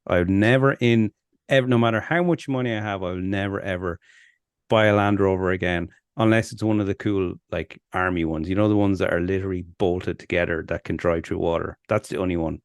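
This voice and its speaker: A rambling Irish man with a lowish voice, swearing and laughing his way through a casual podcast chat. The recording is close and dry, with no room sound around him. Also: a little fast, clear, resonant tone, no room sound. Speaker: podcast co-host.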